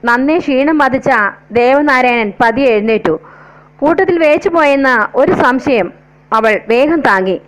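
Woman telling a sad story, high voice, slow and wistful. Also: lively intonation, low-quality recording. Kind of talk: scripted story narration.

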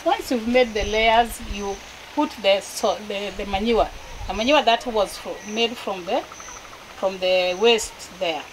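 A woman's voice: medium pitch, unhurried, low-quality recording. A middle-aged woman farmer showing her farm outdoors, explaining her methods in a plain, practical, step-by-step way. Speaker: dairy farmer. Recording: outdoor recording with clear background noise.

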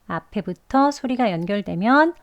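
A woman's voice: medium pitch, animated, dull audio. Woman patiently teaching pronunciation, step by step. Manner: patient, step-by-step explaining, demonstrates sounds slowly. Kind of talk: pronunciation lesson.

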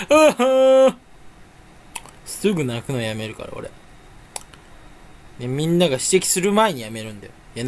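Sucking on a candy, a young male YouTuber with a lively pitch chats on his own in a rambling way. His playful, self-mocking muttering gets interrupted by sudden loud bursts, over slight background noise.

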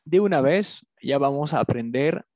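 A man teaching a language lesson, drilling words slowly and patiently. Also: mid-range voice, animated, a little mellow, dry recording. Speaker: French teacher.

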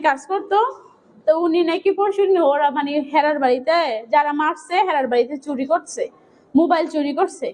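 A woman's voice: high voice, a little mellow. A young woman with an urgently retelling a violent family tragedy, close to tears, quoting others as she goes. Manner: urgent, tearful retelling with quoted dialogue. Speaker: family member of victims. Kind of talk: emotional eyewitness account.

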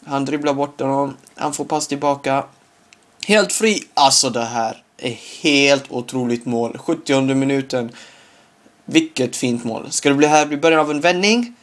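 A gaming video creator gives loose, chatty commentary over his own gameplay, often laughing at his own jokes. His voice normally sits at an ordinary middle pitch, but he gets excitable and bursts into high-pitched squeals, yelps and shouts at big moments.

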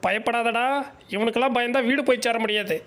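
A man talks fast and high, teasing and joking as he voices animals in comic clips. His tone is cartoonish and bantering. A clear hiss of noise sits behind him. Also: steady tone. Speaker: comedy voice-over creator. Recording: noisy background.

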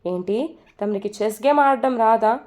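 A sharp-tongued, scheming young woman in a storybook tale, teasing and sarcastic, as a woman voices her. The tone is mellow and a little high. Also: moderate pace, natural voice.

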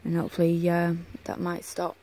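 A garden vlogger talking casually outdoors in a home vegetable garden. The speaker is unhurried and hesitant, with many ums, and records on a handheld camera while filming the plants. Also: medium pitch, completely flat delivery, mellow.

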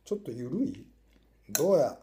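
A man's voice: fairly high pitch, big pitch swings, moderate pace, dark tone, slight background noise. A middle-aged man with a Kansai Japanese accent, chatting casually and muttering to himself as he cooks and tastes. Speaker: food vlogger. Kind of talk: casual chat while cooking and tasting. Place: small indoor room at a table.

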